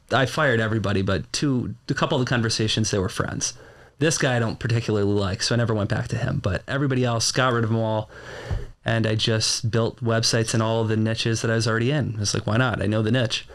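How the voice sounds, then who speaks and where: A man's voice: on the low side, brisk, a bit bright. A man telling stories as a guest in a studio podcast interview, in a matter-of-fact way. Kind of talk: casual interview.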